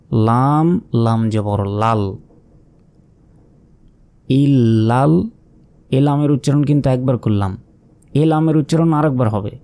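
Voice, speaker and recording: A man with a mellow, dark-toned voice teaches reading letter by letter. He asks a question, answers it himself, and stretches each recited syllable out slowly. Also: medium pitch. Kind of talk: step-by-step spelling lesson.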